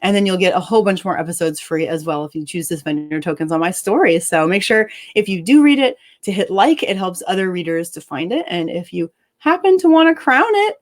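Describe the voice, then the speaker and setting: A woman author reading her own story aloud and then chatting with her co-host, expressive and upbeat and quick to laugh. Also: fairly low pitch. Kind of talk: dramatic story reading and casual chat.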